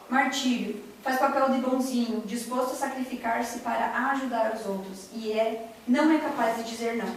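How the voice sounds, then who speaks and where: High-voiced woman lecturing in an echoey hall. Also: a little hiss or hum. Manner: earnest, personal storytelling, audience-addressing. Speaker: lecturer at a spiritist center. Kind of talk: spiritual lecture. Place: large echoey hall, recorded from afar. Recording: very echoey distant hall recording.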